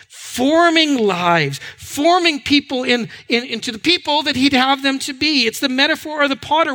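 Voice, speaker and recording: A man's voice: very high voice, bright, forceful tone. A man preaching a sermon as a pastor, earnest, and now and then repeating words.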